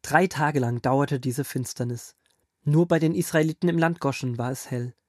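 A man narrating as a grandfather figure, reading a Bible story aloud in a calm storytelling manner for a children's audio drama. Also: medium pitch, normal speed, dry recording, clean studio sound, close to an everyday voice.

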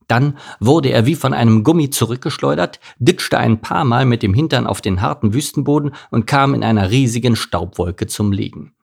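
A man reading a children's storybook aloud with a lively, expressive delivery. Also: fairly low pitch, vocal fry, breathy edge. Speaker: narrator.

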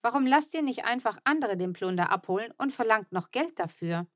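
A woman reading aloud plays Sam, a cheeky, breezy boy in a children's audiobook. He talks his ideas up lightly, his voice set higher than the narration, dry and close to the mic. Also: lively intonation, brisk, no echo, natural voice. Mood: explaining.

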